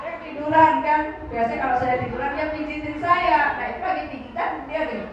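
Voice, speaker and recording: A woman giving a religious parenting talk to parents, lively and often laughing as she acts out little exchanges. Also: high voice, a little fast. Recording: echoey hall, distant mic, dull and noisy.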